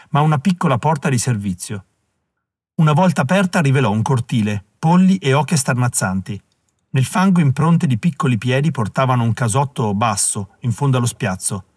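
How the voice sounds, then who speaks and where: A man reading an audiobook in a measured, even scripted narration, recorded on a close mic. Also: mid-range voice, dry recording.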